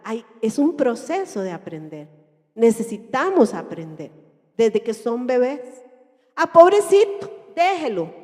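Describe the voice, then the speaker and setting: A woman with a Costa Rican accent speaking to a group, lively and questioning her listeners. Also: fairly high pitch, unhurried. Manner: lively, asks the audience questions and acts out everyday voices. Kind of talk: talk to a church group. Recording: echoey hall.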